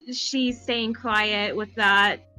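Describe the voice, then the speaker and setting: A woman's voice: mid-range voice, fairly even intonation, slow pace, pushed and bright, faint music behind, poor audio. A woman playing a tabletop game, speaking hesitantly and nervously. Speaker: player.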